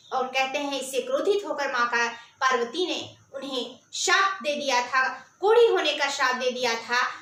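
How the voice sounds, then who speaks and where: A woman teaches a literature class at an unhurried pace, laying out each point in order. Her voice sits high and bright. The room gives it a noticeable echo. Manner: slow, deliberate, enumerating points. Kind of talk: exam-prep literature lecture.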